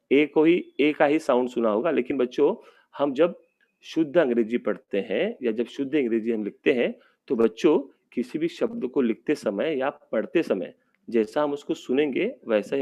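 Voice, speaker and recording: Patient male teacher, slow vowel drills. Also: medium pitch, darkish tone. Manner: patient, drawn-out vowel sounds, addresses children often. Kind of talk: online class lesson for young children.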